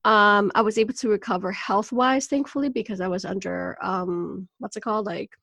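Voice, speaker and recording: A woman's voice: medium pitch, moderate pace, vocal fry, no echo. A woman in her thirties from Venezuela, a podcast guest talking candidly and with lots of laughter about her life story. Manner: candid, animated, laughs often. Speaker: podcast guest, wellness coach. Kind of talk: casual interview talk.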